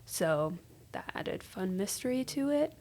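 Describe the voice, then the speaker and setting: A woman's voice: medium pitch, very animated, a little slow, a little mellow. A woman on a casual gym podcast, making brief playful remarks and listing workouts.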